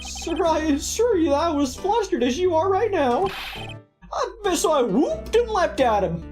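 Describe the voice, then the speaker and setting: Woman putting on a squeaky, flustered young patrolman. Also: unhurried, soft background music, exaggerated voice. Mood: flustered, insistent. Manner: excitable, earnest. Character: flustered, eager young male patrolman protesting to his superiors. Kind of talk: amateur video game dub.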